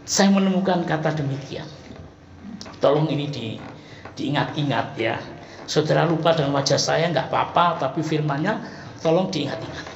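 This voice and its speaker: A man preaching a sermon in an East Javanese accent, chatty and animated, swinging between loud exclamations and soft asides. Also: on the high side, moderate pace, lo-fi sound. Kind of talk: Sunday sermon. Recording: echoey room with faint background noise.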